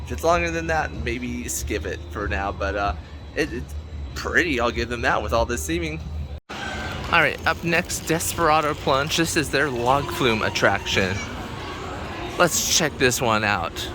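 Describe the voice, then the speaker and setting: A man's voice: medium pitch, animated, a little slow, background noise. A man giving casual, enthusiastic vlog commentary as he walks around outdoors in an amusement park. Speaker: theme park vlogger. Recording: loud music over outdoor park audio. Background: loud music.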